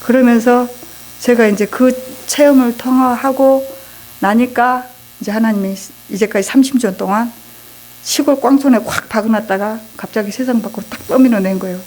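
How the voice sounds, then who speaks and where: Middle-aged church lady sharing her testimony, kinda high voice but mellow, earnest storyteller. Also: steady tone, normal speed, low-quality recording. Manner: earnest storytelling, acting out her own and God's words. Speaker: church deaconess giving testimony. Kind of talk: religious testimony to a congregation.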